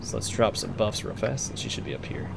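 A man's voice: fairly low pitch, fairly quick, gravelly, very noisy. A man hosting a let's play, talking casually through his game as he goes. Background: game music.

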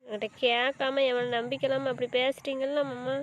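A woman's voice: sits high, flat delivery, a little fast, lo-fi sound, slight background noise, close to an everyday voice. A woman playing a hurt young wife in an amateur drama, scolding and insisting. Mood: angry. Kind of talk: amateur web drama acting.

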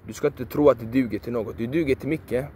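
A man's voice: mid-range voice, fairly even intonation, warm tone, breathy edge. A man giving a passionate motivational monologue, repeating phrases emphatically, swearing for emphasis and sounding preachy. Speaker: video creator.

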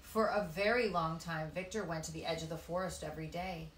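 A woman reading a children's story aloud with expressive, dramatic delivery. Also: low-pitched, fairly quick, distant mic, slight background noise. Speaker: guest storyteller. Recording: echoey room.

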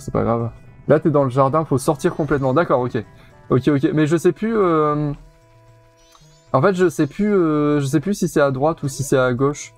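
A man giving casual, chatty commentary while streaming a video game, repeating himself and using many fillers. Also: mid-range voice. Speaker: let's play streamer.

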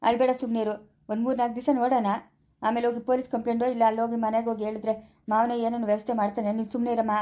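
A woman playing a calm, fast-talking village woman. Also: high-pitched. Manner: calm, firm reassurance. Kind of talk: amateur family drama acting.

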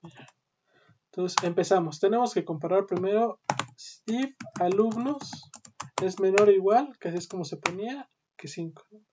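In this screen-recorded coding lesson, a woman's brisk, mid-range voice explains things step by step, checking in often with "¿sí?". Keyboard clicks and clear background noise come through the dull, lo-fi recording.

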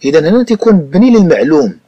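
A man's voice: fairly high pitch, sing-song, very fast, warm tone, husky, no echo, lo-fi sound. A man with a Moroccan Arabic accent, teaching a French lesson patiently, repeating points and checking that the student understands. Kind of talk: explanatory tutoring lesson.

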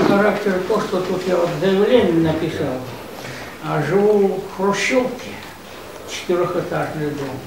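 High-voiced man in his nineties, halting. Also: creaky, distant mic. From Russia. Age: 90s. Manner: hesitant, halting, searching for words. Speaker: veteran visitor at a reception. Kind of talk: formal reception conversation. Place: office reception room, indoors. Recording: echoey office room from afar, noisy.

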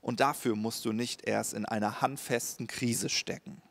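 A man's voice: medium pitch, steady tone, moderate pace, vocal fry. A man preaching a sermon as a pastor, speaking straight to the listener and often checking in with a short "ja?". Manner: direct address with frequent "ja?" check-ins.

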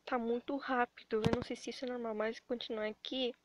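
A woman's voice: a little high, flat delivery, a little fast, highs cut off, background noise. A woman with a Brazilian accent vlogging about her animation channel. She is anxious and near tears, and her rambling, breathless talk keeps breaking off and restarting. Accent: Brazilian Portuguese. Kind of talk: emotional webcam vlog.

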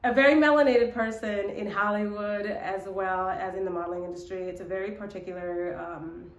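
Her medium-pitched voice stays steady and runs a little fast as she reflects casually to camera in a personal vlog. The young adult vlogger, model and actress was born in Ethiopia to South Sudanese parents and grew up in Minnesota, United States, and she records in an echoey small room beside a window.

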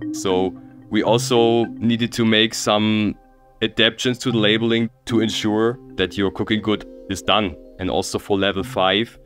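A man working as an engineer, explaining his work in an interview, often checking in with a quick "yeah?". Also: lowish voice, fairly bright tone. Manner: explanatory, uses fillers like "yeah?". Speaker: engineer guest.

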